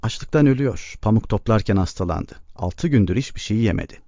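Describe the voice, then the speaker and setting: A man reading the lines of a starving young boy who speaks in a cracked, flat monotone. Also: fairly low pitch, fairly quick, no echo. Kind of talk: audiobook reading. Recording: dull lo-fi recording.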